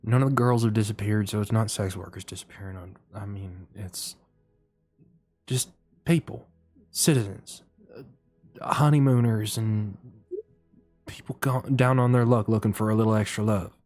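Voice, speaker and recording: A man voicing a flirty, nervous wood elf courtesan woman who talks in a hushed, secretive way. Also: rumbling low, normal speed, pauses often. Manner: hushed, secretive, sometimes snappish.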